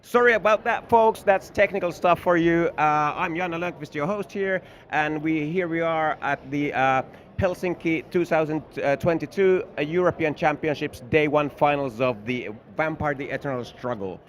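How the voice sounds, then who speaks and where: Man, raised pitch, stream host, halting speech full of fillers. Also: slight background noise. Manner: halting, many filler sounds. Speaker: tournament host. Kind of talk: live stream hosting. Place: convention room.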